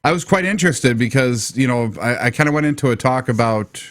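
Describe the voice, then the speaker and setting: A man's voice: mid-range voice, lively intonation, fairly quick, no echo. A middle-aged man with a stuffy nose from allergies, hosting a casual live tech talk show from his basement studio and rambling with many fillers and restarts. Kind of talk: casual live radio-style chat.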